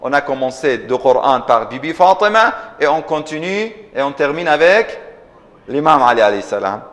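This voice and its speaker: Impassioned preacher in a reverberant hall. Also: male voice, sing-song, moderate pace. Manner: impassioned, with sharp rises in pitch and volume; quotes Arabic scripture and explains it in French. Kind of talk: religious sermon. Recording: long reverb of a large hall.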